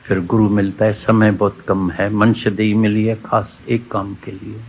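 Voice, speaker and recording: On muffled lo-fi audio, a spiritual teacher gives a Hindi satsang sermon with a parable, quoting scripture and returning to key words. His husky voice sits lowish, at a level tone and a normal pace.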